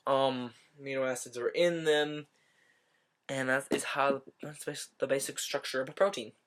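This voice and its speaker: A man's voice: medium pitch, fairly even intonation, moderate pace, fairly bright tone. A man casually explaining a biology topic in a rambling way, correcting himself often and cracking little jokes. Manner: rambling, self-correcting, joking asides.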